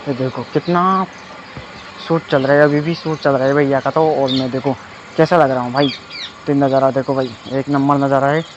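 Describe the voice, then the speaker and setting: A young man, giving a loose, repetitive running commentary outdoors on a muddy dirt road. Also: mid-range voice. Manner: loose, repetitive running commentary, often says "ye dekho" and "bhai". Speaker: vlogger. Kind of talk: casual vlog commentary. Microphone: phone camera. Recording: dull lo-fi phone audio with loud outdoor noise.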